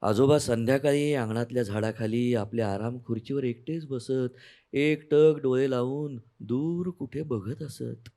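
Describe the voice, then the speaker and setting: Soft-spoken Marathi man reciting poetry. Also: mid-range voice, measured pace. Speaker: poet. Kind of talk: poetry recital, half sung.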